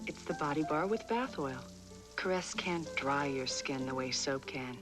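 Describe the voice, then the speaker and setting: A female announcer reads a TV beauty commercial in a fairly low voice. She goes slowly, with music clearly underneath. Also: animated.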